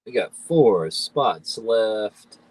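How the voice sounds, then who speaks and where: A man hosting a livestream, making brief, relaxed remarks. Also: fairly low pitch, extremely slow, slightly rough. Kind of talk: casual chat.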